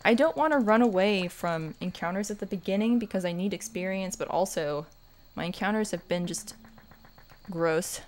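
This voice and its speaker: A woman's voice: mid-range voice, moderate pace, a little mellow. A woman streaming a game and chatting with viewers in a rambling, self-deprecating way. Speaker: streamer and speedrunner. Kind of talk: casual livestream chat while gaming.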